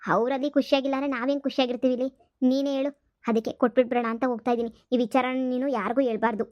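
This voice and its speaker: A woman voicing a kind-hearted young woman who talks in a hushed, scolding, urgent way in a cartoon comedy. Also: high voice, flat delivery, fast, no room sound, dull audio, close to an everyday voice. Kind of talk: cartoon voice acting.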